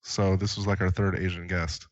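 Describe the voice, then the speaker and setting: Deadpan male co-host, low voice. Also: normal speed, no echo, lo-fi sound. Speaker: podcast co-host. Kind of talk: casual podcast chat.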